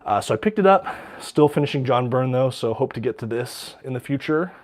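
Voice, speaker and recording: A man's voice: medium pitch, expressive, fairly quick, slight background noise. Casting: man, livestream host, enthusiastic and chatty, slightly stuffy and short of breath. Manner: enthusiastic, many ums and uhs, reads out viewer questions. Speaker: livestream host showing his comic collection. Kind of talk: casual livestream chat.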